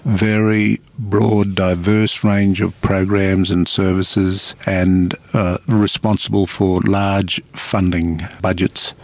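A man speaking earnestly in an interview, making his case in a measured, repetitive way with frequent "you know". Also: deep voice, a little mellow, no room sound. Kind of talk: radio interview, earnest advocacy.

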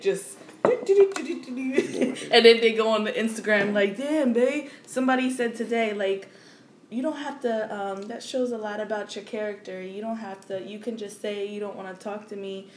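A woman in her thirties, a guest in a casual chat, relaxed and rambling. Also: mid-range voice, normal speed, slight background noise. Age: 30s. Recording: echoey room.

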